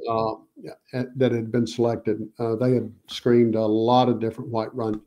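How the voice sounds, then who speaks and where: Mellow-voiced man explaining with many pauses. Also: medium pitch, flat delivery. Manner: hesitant, many fillers, explains patiently. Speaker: guest researcher. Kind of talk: casual interview.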